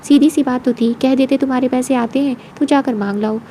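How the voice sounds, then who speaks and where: A woman voicing a proud housewife, kind but quick to take offence. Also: sits high, fairly even intonation, slight background noise. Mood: kindly. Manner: firm, sharp when insulted.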